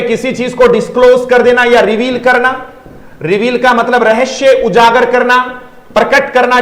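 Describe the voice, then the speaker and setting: A man teaching English vocabulary in an online class. He speaks Indian English, mixes in Hindi, slows down to repeat words and keeps asking the students whether they are following. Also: very high voice, a bit bright, reverberant, poor audio. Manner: addresses students affectionately as dear children.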